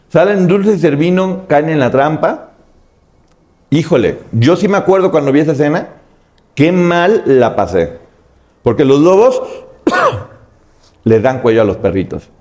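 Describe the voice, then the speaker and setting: A man's voice: medium pitch, darkish tone. A man with a Mexican Spanish accent casually retelling a cartoon's plot in a spoken review, joking and sarcastic, often correcting himself mid-sentence.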